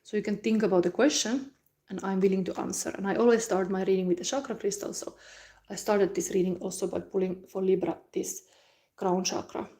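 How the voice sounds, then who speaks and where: A woman from Finland, giving a live tarot reading in a soft, musing way with frequent hums and restarts. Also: mid-range voice, fairly even intonation, brisk. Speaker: tarot reader.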